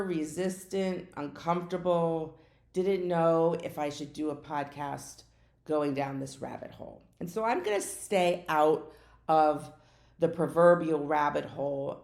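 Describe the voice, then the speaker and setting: Low, gravelly American woman podcasting. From United States. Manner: chatty, self-correcting, tongue-tied at times. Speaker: podcast host. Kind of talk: casual solo podcast talk. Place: home in Florida. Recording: echoey room.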